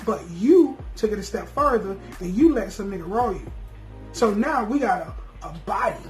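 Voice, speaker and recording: A man's voice: high voice, lively intonation, moderate pace. A man co-hosting a casual chat show, arguing his opinions bluntly and with profanity. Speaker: podcast co-host. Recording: roomy sound with faint music.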